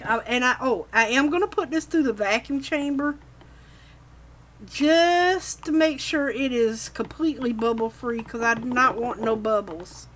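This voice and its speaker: A woman giving a casual, folksy craft demonstration, chatting to herself as she works, with machine noise behind her. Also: on the high side. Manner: folksy, informal, talks to herself while working. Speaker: craft tutorial host. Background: running machine, vacuum pump.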